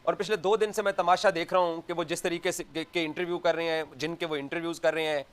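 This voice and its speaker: A man's voice: on the high side, fairly even intonation, clean tone. A man from Pakistan, delivering an indignant opinion monologue on cricket. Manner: indignant, rapid-fire questions. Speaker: cricket commentator.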